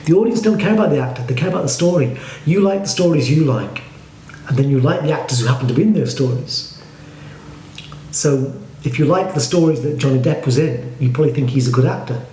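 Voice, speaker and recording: Brisk opinionated Liverpudlian acting coach. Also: male voice, a little high, warm tone. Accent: Liverpool English. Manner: brisk, opinionated, breaks lines into halves. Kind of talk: verse-speaking lesson. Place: home studio room. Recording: echoey room with faint noise.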